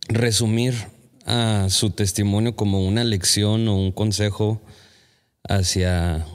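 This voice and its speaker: A man's voice: lowish voice, darkish tone. A man hosting a church podcast interview, reflective and quoting scripture as he addresses listeners. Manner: reflective, quotes scripture, gives frequent affirming "ujú". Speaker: podcast host.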